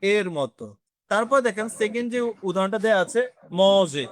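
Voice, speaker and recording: A man's voice: sits high, lively intonation, no room sound, studio quality. A man teaching a beginners' French class, explaining step by step and quizzing his students. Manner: explains slowly, quizzes the class, mixes in English words. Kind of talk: classroom lesson.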